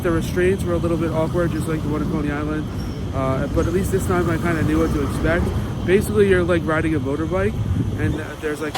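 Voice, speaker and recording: A man with a slightly high voice talks in a conversational, matter-of-fact way, like a vlogger giving a casual review to camera. He is recorded outdoors at an amusement park, with clear background noise around him.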